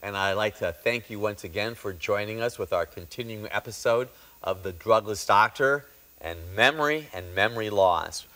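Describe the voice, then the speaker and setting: A chiropractor hosts a health talk show, speaking emphatically and slowing down to drive his points home. His voice is fairly low, pushed, and bright.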